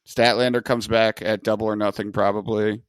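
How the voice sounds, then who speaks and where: A man's voice: on the low side, little pitch movement, normal speed, smooth, dry recording, studio quality. A man from Long Island, hosting a casual wrestling podcast chat, joking and swearing freely. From Long Island, New York. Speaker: podcast host.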